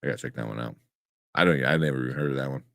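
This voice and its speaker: A young man co-hosting a live pop-culture chat show, relaxed and rambling with restarts. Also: rumbling low, very fast, vocal fry, dry recording, clean studio sound. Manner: laid-back, rambling with restarts and laughs. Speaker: co-host of live nerd news show. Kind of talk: casual chat.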